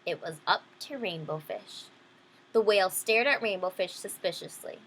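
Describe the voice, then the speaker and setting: A woman's voice: fairly low pitch, normal speed, fairly bright tone, slightly rough, poor audio. A woman reading a children's storybook aloud, adding simple explanations for young listeners. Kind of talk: children's picture-book reading with simple asides.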